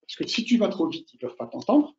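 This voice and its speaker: Fast-talking man coaching students. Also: high voice, highs cut off, a little hiss or hum. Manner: animated, repeats key points, addresses listeners directly. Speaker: author and oral exam coach. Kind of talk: casual advice talk to students.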